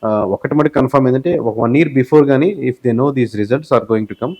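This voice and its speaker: Here a guest who runs an election survey company answers interview questions in an explanatory way, acting as a political analyst. His mid-range voice has a dark tone and moves fairly quickly, carrying a Telugu accent with English words and phrases mixed in. He's from the Telugu-speaking south of India.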